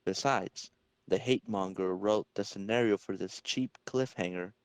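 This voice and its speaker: Man reading as low-voiced, wry young Spider-Man. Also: measured pace, no room sound. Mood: determined. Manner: wry, quippy. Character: wry, determined young male superhero, college age. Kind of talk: amateur comic-book dramatic reading.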